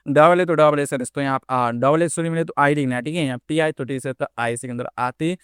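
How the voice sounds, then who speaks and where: A man's voice: fairly high pitch, a little fast, clean tone, no room sound, clean studio sound. A man teaching beginners online, spelling letters out one by one and calling his viewers friends. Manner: addresses viewers as friends constantly.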